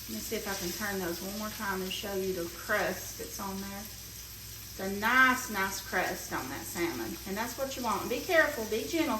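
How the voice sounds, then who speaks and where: A woman with a somewhat high voice hosts a casual cooking show in her home kitchen, chatting in a homey way as she works at the stove. The roomy kitchen is picked up by a distant mic, with a frying pan sizzling in the background.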